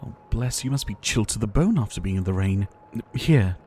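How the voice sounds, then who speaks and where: A man plays a kindly, sickly pharmacist doctor for ASMR, soft-spoken and theatrical, sighing through polite, wistful lines. His pitch is fairly low and his intonation lively, the pace a little fast, and the voice stays close to everyday speech over a faint hiss or hum. The feel is warm and welcoming.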